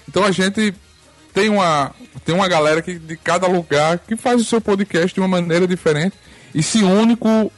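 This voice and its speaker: A man with an Alagoas accent from northeastern Brazil, chatting casually as a podcaster. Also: sits high. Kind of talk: casual chat.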